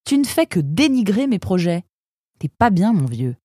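A woman's voice: medium pitch, normal speed, slightly rough, no echo, clean studio sound. A woman voicing an eager young male creature who stammers with many hesitations, in a storybook reading. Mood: eager stammering. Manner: stammering with many "euh", excitable.

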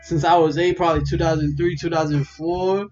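A man, hosting a casual chat, slangy and quick to laugh, often restarting his sentences. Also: a little high, fairly even intonation, a little mellow, dull audio, faint music behind. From Brooklyn, New York. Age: 20s. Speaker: podcast host.

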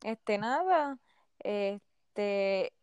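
A woman's voice: mid-range voice, expressive, very slow, a little mellow, smooth, no room sound, dull audio. A woman sharing a personal story in casual chat, hesitant with many fillers. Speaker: podcast co-host.

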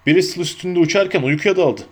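A man voicing a huge, bearded, gentle giant who speaks dutifully and breaks into sobbing stammers. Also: high voice, a little fast, pitched above the performer's own voice. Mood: respectful.

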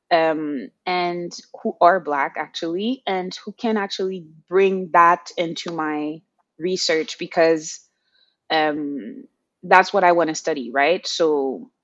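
A young woman from Haiti, a podcast guest speaking thoughtfully in a casual interview, pausing to find her words. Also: on the low side, a bit bright, no room sound, lo-fi sound. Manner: thoughtful, with fillers and restarts.

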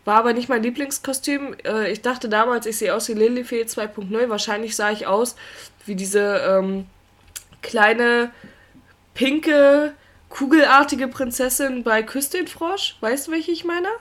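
A woman's voice: a little high, unhurried, a bit bright. A young adult woman co-hosting a casual chat podcast, telling long detailed stories with lots of digressions and frequent laughter. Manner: rambling, detailed storyteller, laughs often. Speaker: podcast co-host.

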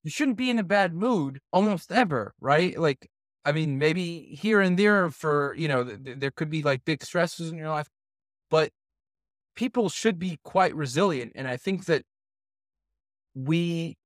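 A man's voice: on the high side, animated, a little slow, no echo, clean studio sound. A man hosting a podcast interview, talking casually and hesitantly, with many fillers and restarts. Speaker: podcast host.

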